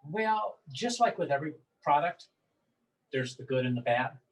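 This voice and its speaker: A man's voice: a little high, expressive, moderate pace, poor audio. A man talking as a wine book author, enthusiastic and prone to repeating words as he starts sentences. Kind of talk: promotional chat.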